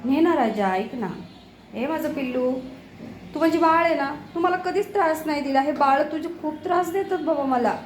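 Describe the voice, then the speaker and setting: A woman's voice: high-pitched, moderate pace, reverberant, a little hiss or hum. A woman talking to her pets in a home kitchen, scolding them fondly in exasperated baby talk. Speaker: pet owner filming her cats. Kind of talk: casual home video chatter to pets.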